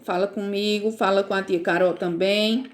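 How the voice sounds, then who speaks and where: A woman's voice: medium pitch, steady tone, moderate pace. A Brazilian woman teaching a reading lesson to first graders, patient and drawn out, often checking that the children follow. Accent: Brazilian Portuguese.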